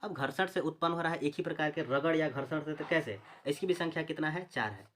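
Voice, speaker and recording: A man's voice: fairly high pitch, quick pace, a bit bright, a little hiss or hum. A man teaching a Hindi phonetics lesson for exam preparation, repeating terms and asking the viewer questions before answering them. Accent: Chhattisgarhi Hindi.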